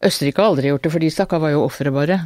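An older woman, an author, speaks in an earnest, halting way, often restarting her sentences as she recounts family history. Her voice is mellow and dark in tone, recorded dry and close with no room sound. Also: low voice, dry recording. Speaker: author guest. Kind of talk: reflective interview talk.

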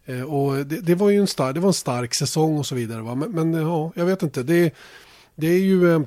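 Swedish male host, slightly high mellow voice, filler-heavy chat. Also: expressive, dry recording, studio quality. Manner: thinking aloud with many fillers and restarts. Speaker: podcast host. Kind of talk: casual motorsport podcast chat.

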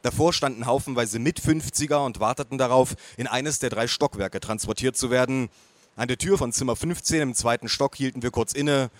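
A male audiobook narrator reading in the first person, calm and measured with a wry touch. His voice is of middle pitch, recorded on a close mic in a dry, dead space. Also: no room sound. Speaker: audiobook reader.

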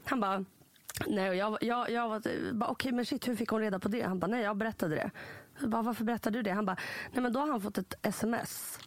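A woman's voice: mid-range voice, dry recording. Give me a woman podcast host chatting casually, acting out quotes with fillers, in a dry room. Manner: animated anecdote-telling, quotes people with "bara", lots of fillers. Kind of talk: casual chat.

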